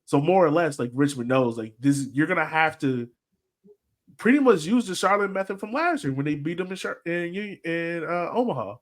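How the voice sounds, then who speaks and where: Fairly high in pitch and lively in intonation, a man hosts a casual sports podcast at a normal pace. He thinks aloud and rambles informally through his soccer fan analysis.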